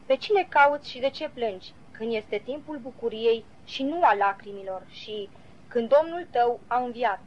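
A woman reading a devotional Bible commentary aloud in a measured, earnest way, citing verses as she goes. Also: a little high. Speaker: Bible teacher. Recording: slightly dull lo-fi recording.

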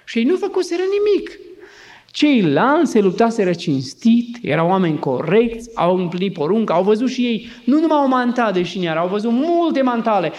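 A man's voice: high-pitched, sing-song, few pauses, darkish tone. A male pastor preaching an emphatic, dramatic sermon in a church. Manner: emphatic, dramatizing with acted voices.

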